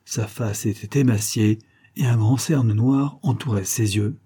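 A male narrator reads an old detective story in a measured, even manner. His voice sits low and dark, with a husky grain to it. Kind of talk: audiobook reading of a classic detective story.

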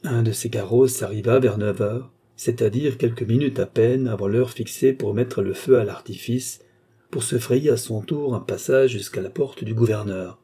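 A man narrating a classic novel aloud in a steady, even way. His voice is very dark and mellow, with a husky grain throughout. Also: medium pitch, moderate pace. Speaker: audiobook narrator.

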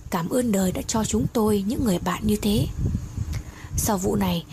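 A woman's voice: mid-range voice, moderate pace, close to an everyday voice. Woman narrator doing scared guilty young woman, pleading, teary, noisy audio. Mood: grateful. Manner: pleading, tearful.

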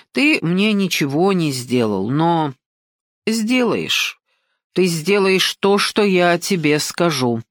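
A woman's voice: fairly low pitch, no room sound, studio quality. A woman voicing a sly, patronizing older man. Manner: slow, coaxing, patronizing, keeps saying "son".

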